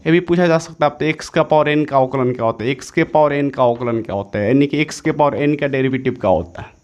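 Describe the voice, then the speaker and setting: A man's voice: medium pitch, fast talker, a little mellow, highs cut off. A man teaching an exam-prep maths lesson, repeating each step several times and correcting himself as he goes. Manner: self-correcting, says sorry mid-explanation.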